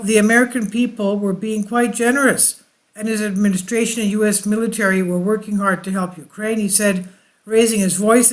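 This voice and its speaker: An online news commentator reads articles aloud, stumbling over the text in a halting way and adding off-the-cuff remarks. The voice is medium-pitched and the recording is rough.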